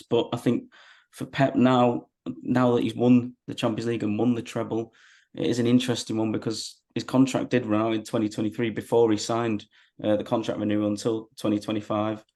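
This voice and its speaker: A man's voice: fairly low pitch, dark tone. A man, chatting casually as a football fan being interviewed.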